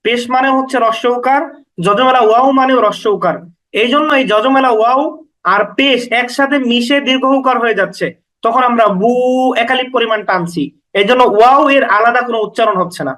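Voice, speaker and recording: With a very high, bright and forceful voice, a man patiently explains recitation rules one after another, a little fast and in poor audio. Each point gets repeated and the example sounds are stretched out in this step-by-step lesson, and he stays even throughout.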